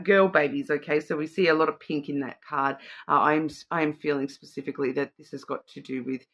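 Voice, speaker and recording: A woman's voice: sits low, creaky, fairly bright tone. A middle-aged woman giving a casual psychic card reading, thinking aloud in a rambling, intuitive way. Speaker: card reader.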